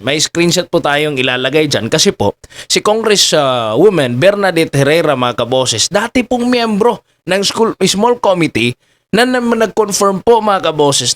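A man's voice: a little high, fairly bright tone. A Filipino man hosting a political commentary channel, talking casually with many fillers and rhetorical questions to his viewers. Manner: repeatedly addresses listeners as "mga kaboses", filler-heavy, rhetorical "Ha?". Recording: talk with music playing behind.

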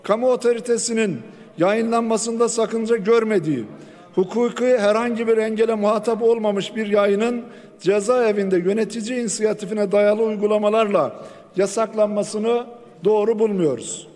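Male lawmaker at a rostrum microphone, higher voice, formal, reverberant hall. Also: fairly even intonation, moderate pace, a little mellow. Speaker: member of parliament giving a speech. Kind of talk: formal parliamentary floor speech. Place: large parliament chamber. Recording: long reverb of a large chamber.

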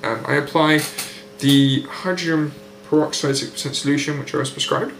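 A young British man's voice sits on the high side, steady, gravelly and fairly bright, made nasal by a nose blocked after surgery as he keeps a recovery video diary. He speaks in a precise, articulate, unhurried way. A close-framed built-in webcam mic records him indoors at home by a window, in an echoey room with a faint hum.

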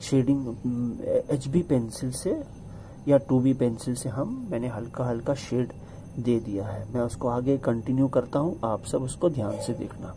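Brief: man from India as drawing teacher, calm and repetitive, mellow tone, faint background hiss. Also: mid-range voice, a little slow. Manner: calm, repeats instructions, addresses students. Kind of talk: step-by-step art tutorial.

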